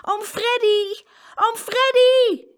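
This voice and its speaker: A woman voicing a young boy in a storybook, calling out with high, drawn-out cries. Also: very animated, darkish tone. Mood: frightened. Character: scared little boy, sleepy then panicky.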